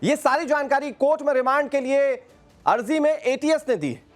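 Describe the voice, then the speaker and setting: Animated male news anchor, emphatic. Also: very high-pitched, moderate pace, faint music behind. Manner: dramatic, emphatic delivery. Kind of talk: studio news presenting.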